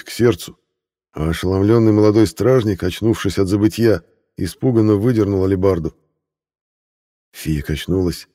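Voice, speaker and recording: A man reads a fantasy novel aloud in a low, measured voice. His tone is mellow and dark, and he keeps an even, steady delivery. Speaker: audiobook narrator. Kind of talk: fantasy audiobook narration.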